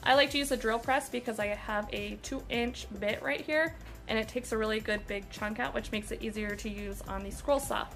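A woman's voice: on the high side, steady tone, normal speed, gravelly, a bit bright, soft background music. Chatty woman teaching in a workshop. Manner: upbeat, chatty, laughs at own slips. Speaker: woodworking instructor. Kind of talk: casual step-by-step tutorial. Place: indoor woodworking shop. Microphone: phone camera at arm's length.

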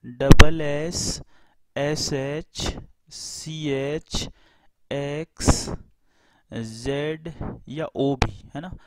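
A man's voice: on the high side, steady tone, extremely slow, no room sound. A man teaching a grammar lesson in a patient explanatory style, spelling words letter by letter and asking and answering his own questions.

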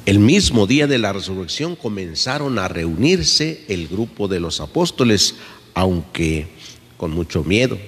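Man priest in cathedral-like echo, slow. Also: low voice, very animated, breathy edge. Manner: solemn, measured delivery. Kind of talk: liturgical Gospel reading and homily. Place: church sanctuary, at the lectern. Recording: echoing church, long cathedral-like reverb.

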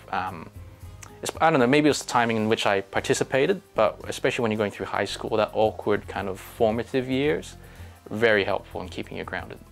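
A man's voice: fairly low pitch, gravelly, fairly bright tone. A man, talking earnestly in a documentary interview as a radio station's chairperson, with frequent ums and uhs, on a lapel mic. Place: radio station music library.

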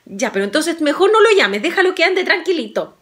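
A shrill old grandmother from a told folktale, as a woman storyteller voices her, fluttering and easily startled. Her voice leaps high and swings wildly. The sound is bright and eager. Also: sing-song, a little fast. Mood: scolding.

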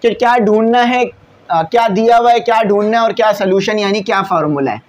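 High-pitched male physics teacher, explanatory lecture style. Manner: explains with everyday examples, keeps checking understanding; reads English textbook lines slowly and deliberately. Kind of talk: classroom lecture on video.

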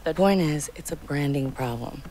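A woman's voice: deep voice, animated, normal speed, background noise. An actress playing a cool, blunt young female hacker in a video game, speaking in a sardonic way.

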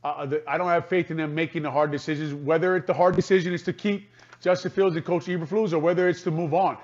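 A man's voice: a little high, steady tone, fast talker, dull audio. A man giving postgame radio analysis, sounding frustrated, repeating himself and restarting sentences as he talks. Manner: frustrated, repetitive, restarts often.

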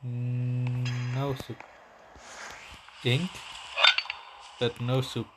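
A man's voice: mid-range voice, monotone, very slow, heavy background noise. A young man giving goofy let's-play commentary, joking about himself in the third person. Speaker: gameplay commentator.

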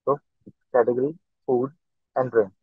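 This instructor has a mid-range, slightly rough voice with a steady tone and moderate pace. Recorded dry from a computer mic on a video call, the screen capture of his online lecture sounds tinny as he goes step by step, repeating "okay" constantly.

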